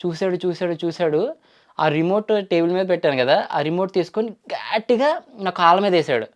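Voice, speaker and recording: A man's voice: sits high, lively intonation, fairly quick. A young man tells a personal story to his viewers in a loose, casual way. He wanders through it, stopping and restarting his sentences and filling gaps with little hesitations. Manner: rambling, with frequent restarts and fillers. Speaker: YouTuber.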